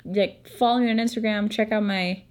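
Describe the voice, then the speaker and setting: Brief: woman playing pushy older guy, boastful, smooth pickup patter. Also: mid-range voice, fairly even intonation, normal speed, a little mellow, natural voice.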